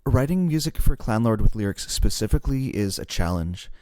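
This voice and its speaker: A man's voice: on the low side, lively intonation, fairly quick, a little mellow, dry recording, clean studio sound. A man co-hosting a podcast, explaining songwriting in a casual, self-deprecating way. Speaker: podcast co-host.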